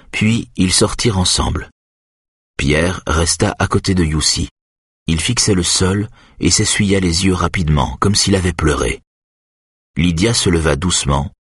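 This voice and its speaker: A man narrating a first-person novel as an audiobook, calm and measured. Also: a bass voice, husky, no room sound, clean studio sound.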